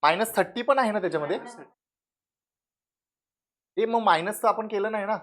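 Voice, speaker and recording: A man with a Marathi accent teaching a math class, drilling students with quick questions and answering them himself, mixing English into his lesson. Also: high-pitched, fairly bright tone. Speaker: math tutor. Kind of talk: classroom lecture.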